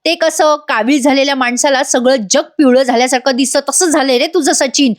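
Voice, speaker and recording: Woman voicing an outraged young wife, high and scolding. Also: fairly even intonation, brisk, lightly acted. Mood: indignant. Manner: indignant, scolding.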